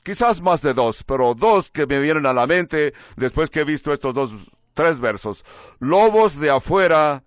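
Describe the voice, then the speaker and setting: A man's voice: fairly high pitch, no room sound, lo-fi sound. A man preaching a sermon, reading verses and mimicking what people say in mocking voices. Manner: slow, emphatic preaching with mocking voiced quotes.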